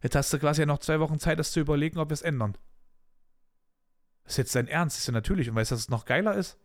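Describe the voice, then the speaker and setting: A man's voice: fairly high pitch, fast. Blunt, chatty man telling a story. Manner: blunt, animated retelling of a workplace dispute with colloquial asides. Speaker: podcast host. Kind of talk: casual storytelling monologue.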